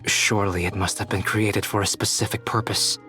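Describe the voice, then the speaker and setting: A calm, thoughtful young scholar with a low, even voice. He speaks in a measured, deliberate way. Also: soft background music. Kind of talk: video game voice acting.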